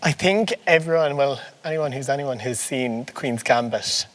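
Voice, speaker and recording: A man's voice: medium pitch, moderate pace. Young male podcast co-host, Irish midlands accent, informal and talkative, mid-range voice for casual chat. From Portlaoise, Irish midlands. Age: early 20s.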